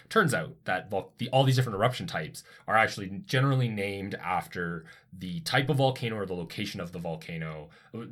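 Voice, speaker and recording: A man with a very low, deep voice talks through a science topic in relaxed conversation. He explains eagerly and drifts into side thoughts as ideas strike him, like a co-host chatting with a friend. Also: husky. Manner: enthusiastic, digressive explainer. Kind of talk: casual educational chat.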